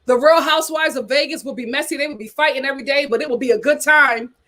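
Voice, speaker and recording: This fast-talking woman runs a casual reality TV chat show, her fairly high voice animated as she responds to comments and speaks right to her audience. Opinionated and gossipy, she's blunt and keeps repeating phrases to drive points home.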